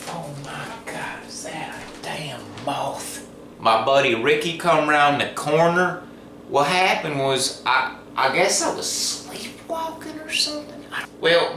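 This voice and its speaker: Medium in pitch with a sharp edge, a man hosts a cooking segment on camera and meanders through a folksy tall tale, now and then lowering his voice to a whisper. The audio has a distant, roomy quality and plenty of background noise.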